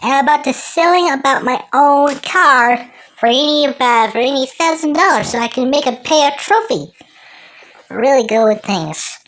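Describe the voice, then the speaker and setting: An amateur performer voicing a cocky, excitable cartoon woodpecker who rambles and exclaims to himself. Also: high-pitched, moderate pace, low-quality recording. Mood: scheming, upbeat. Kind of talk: amateur cartoon character impression.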